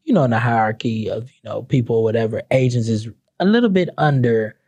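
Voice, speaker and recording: A young adult man ranting comedically to camera, profane and animated, breaking into mock-sung lyrics. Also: medium pitch, quick pace, husky, no echo. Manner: animated, profane, sings song lyrics mockingly. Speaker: commentator.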